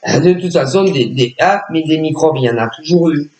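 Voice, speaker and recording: A man's voice: a little high, a little fast, a little mellow, echoey room, low-quality recording. A man giving a casual spoken tarot reading as a psychic, hesitant and repetitive, full of filler words. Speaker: psychic reader.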